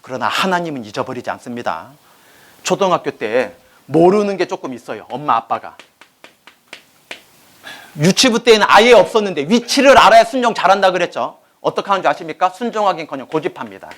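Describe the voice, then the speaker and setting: A man in his forties preaching a sermon, telling stories with lively acted-out family voices. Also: a little high, fairly quick. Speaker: pastor.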